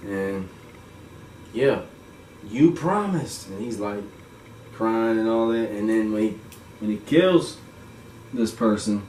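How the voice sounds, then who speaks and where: A man's voice: lowish voice, steady tone, measured pace, long pauses, a little mellow. A man hosting a casual movie review chat, laid-back and slangy, laughing often. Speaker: podcast host. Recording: echoey room, mic far off, faint noise.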